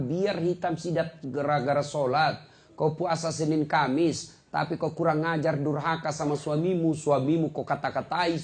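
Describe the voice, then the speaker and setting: A man giving a humorous sermon, animated and teasing, swinging his voice for emphasis. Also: medium pitch. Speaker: preacher.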